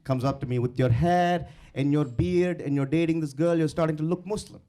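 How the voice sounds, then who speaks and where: A man's voice: fairly high pitch, mellow. A young man from India doing stand-up comedy and teasing the crowd on a club stage with a handheld mic. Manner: brash, teasing, quick crowd banter. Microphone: handheld microphone.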